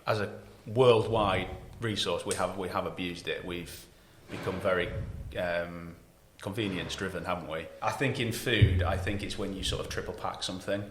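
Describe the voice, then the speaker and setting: A man's voice: sits low, steady tone, normal speed, hardly any pauses, echoey room, slight background noise. A man in a casual podcast chat, an expert on packaging who explains things earnestly.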